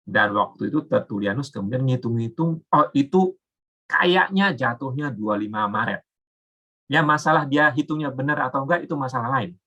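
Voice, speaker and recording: A man's voice: mid-range voice, brisk, bright, forceful tone. A man giving a casual Bible lesson, explaining step by step with frequent filler words. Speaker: Bible teacher. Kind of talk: casual teaching talk.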